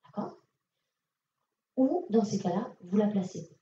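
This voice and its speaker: This medium addresses a conference audience with casual, direct readings full of filler words. Her warm, mid-range voice swings widely in pitch and moves a little slowly. The hall is echoey, and the lo-fi microphone sits far from her.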